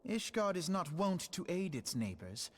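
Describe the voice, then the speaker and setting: Higher-pitched, articulate young male envoy. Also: very animated, moderate pace. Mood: probing, pointed. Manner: formal, articulate, pointed. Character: earnest, shrewd, well-bred young male envoy in a fantasy game. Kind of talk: fantasy video game acting.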